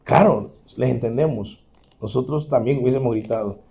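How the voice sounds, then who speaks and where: A male pastor, preaching an animated sermon and acting out the scenes he describes. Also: medium pitch, normal speed, vocal fry. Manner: animated preaching, dramatic re-enactment, chuckles.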